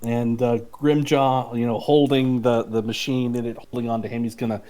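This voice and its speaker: A man playing a tabletop game, narrating his character's actions and lines in a hesitant, deliberate way. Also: mid-range voice, flat delivery, warm tone.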